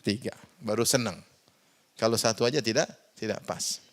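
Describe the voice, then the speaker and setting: A man preaching a Quran exegesis lecture in a mosque. He asks the audience rhetorical questions and swings between loud emphatic rises and quiet asides. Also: on the low side, normal speed. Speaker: Islamic preacher.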